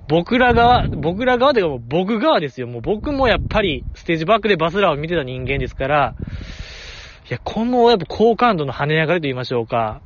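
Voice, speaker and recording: Lively Kansai man rambling on a podcast. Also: a little high, highs cut off, slight background noise. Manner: rambling, self-correcting, often apologizing. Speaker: podcast host. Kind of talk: casual solo podcast talk.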